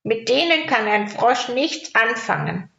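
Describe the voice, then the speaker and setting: A woman voicing a croaking male frog from a fairy tale, drawn-out and pleading, croaking between phrases. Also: fairly high pitch, expressive, fairly bright tone, pitched above the performer's own voice, exaggerated voice. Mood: bargaining. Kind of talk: storybook reading. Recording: roomy, dull lo-fi recording.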